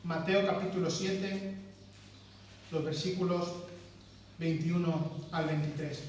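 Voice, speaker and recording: A man's voice: a little high, fairly even intonation, slow, a little mellow, a little hiss or hum. A man preaching a sermon as pastor, stressing his points by repeating words. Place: church hall. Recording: very echoey church from far off.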